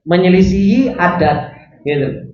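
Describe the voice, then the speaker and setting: A man, teaching a religious study lesson. He reads the classical Arabic text slowly, then explains it, asking rhetorical questions and answering them himself. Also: sits high, expressive, a little hiss or hum. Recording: roomy, slightly dull recording.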